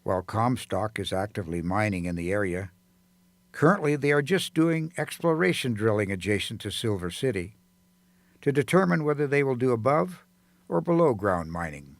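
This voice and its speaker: A man giving scripted, measured documentary narration. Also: on the low side, sing-song, no room sound.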